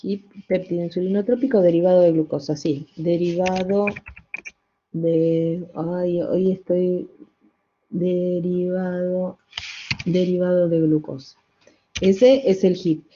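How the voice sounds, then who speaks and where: An older woman lecturing a class at an unhurried pace, pausing to correct herself and checking in with "¿no?". Her voice is mellow and dark. The recording is dull and lo-fi. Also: fairly low pitch, steady tone, a little hiss or hum. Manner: explains step by step with rhetorical questions and wry asides; self-correcting, checks understanding with "¿sí?" and "¿no?". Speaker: university lecturer.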